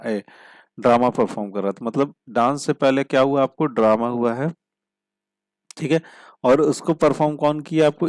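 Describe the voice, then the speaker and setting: A man teaching a logic puzzle step by step, asking questions and answering them himself, and reading the problem statements slowly. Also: mid-range voice, a little mellow, dry recording. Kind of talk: step-by-step puzzle-solving lesson.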